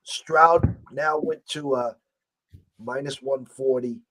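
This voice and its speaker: An American man with a hoarse, strained voice that is nearly gone, hosting a casual sports betting talk show. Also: medium pitch, steady tone, slow, fairly bright tone, low-quality recording. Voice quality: husky, strained voice. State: hoarse, losing his voice.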